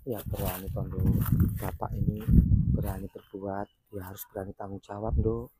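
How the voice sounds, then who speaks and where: A man playing a hesitant but dutiful village stepfather in a domestic melodrama, with a husky voice. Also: on the low side, little pitch movement, normal speed, mellow, a little hiss or hum, natural voice, poor audio. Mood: subdued, concerned. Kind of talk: Indonesian domestic melodrama acting.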